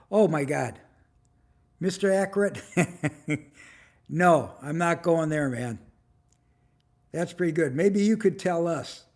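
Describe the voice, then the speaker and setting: A man in his seventies hosting a casual livestream, chatting with viewers and firing off quick questions. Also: fairly high pitch. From United States. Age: 70s. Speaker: livestream host.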